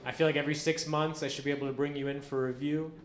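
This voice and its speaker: A man performing a stand-up comedy set on a club stage, telling stories in a deadpan way and acting out quoted dialogue. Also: a little high, very fast. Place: comedy club stage before a live audience. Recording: roomy club with audience noise.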